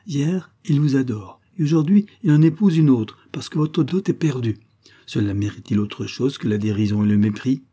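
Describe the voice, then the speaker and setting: A man's voice: medium pitch, steady tone, measured pace, dark tone, breathy edge, voice pushed up. A man voicing an emphatic grown brother. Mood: scornful. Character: grown brother, remorseful then scornful. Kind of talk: audiobook character reading.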